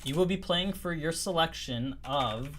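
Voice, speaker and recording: A man's voice: on the high side, normal speed, a bit bright, slight background noise. Laughing, easily flustered man hosting a stream. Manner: laughs often, repeats himself when flustered. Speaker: host. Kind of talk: casual livestream chat.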